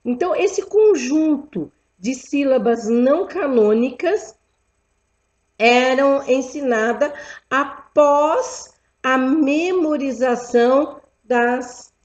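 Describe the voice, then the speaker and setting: Woman, lecturing teacher, unhurried, rhetorical questions, muffled lo-fi sound. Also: high-pitched, expressive. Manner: deliberate, poses rhetorical questions, tag "né?". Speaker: teacher educator. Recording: dull lo-fi recording.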